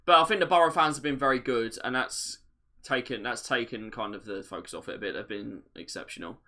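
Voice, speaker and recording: Bright-voiced man commentating on live football. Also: mid-range voice, brisk. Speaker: football watch-along host. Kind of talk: live match commentary and chat.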